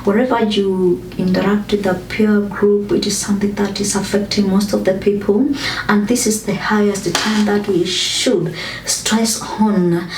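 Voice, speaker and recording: A woman's voice: medium pitch, fairly even intonation, unhurried, darkish tone. Earnest woman in an echoey room. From Kenya. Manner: earnest, advising, with frequent fillers. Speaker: host. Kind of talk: motivational discussion. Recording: echoey room, distant mic, faint noise.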